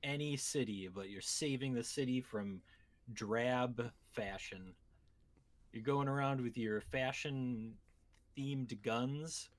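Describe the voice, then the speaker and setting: This podcast co-host has a medium-pitched voice and a slow pace. He chats casually about video games, explaining things in a meandering, conversational way.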